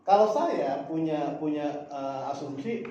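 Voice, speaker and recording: A man shares teaching anecdotes in a relaxed chat, acting out the lines of the people he quotes. His voice sits a little high and mellow. It was caught from across a very echoey room on a dull, slightly noisy recording. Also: slow, recorded from a distance. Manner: animated storytelling, acts out quoted dialogue. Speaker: special-needs school teacher. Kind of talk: casual chat among colleagues.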